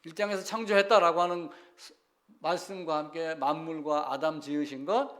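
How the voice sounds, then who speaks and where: A male pastor preaching a sermon in a conversational way, asking the congregation questions and swinging between loud emphasis and quiet asides. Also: on the high side, steady tone, normal speed.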